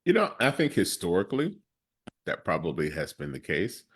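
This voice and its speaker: Casting: man with a very deep voice, podcast co-host, measured and reflective, playful when joking. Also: wildly swooping pitch, husky. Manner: measured, jumps high when laughing. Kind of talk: casual discussion.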